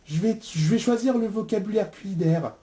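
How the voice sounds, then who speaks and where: A man's voice: high-pitched, normal speed, background noise, pitched above the performer's own voice, lightly acted. A man voicing a young woman quiz contestant who gives tentative, questioning answers, in a toy-figure game show parody. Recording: music bed behind voice.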